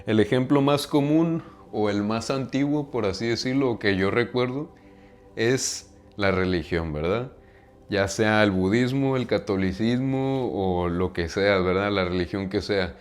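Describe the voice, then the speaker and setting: Speaking a little slowly in a lowish voice, a man from Mexico with a Mexican accent gives a casual monologue to camera about self-improvement. He uses slang and often tags his sentences with a questioning "right?"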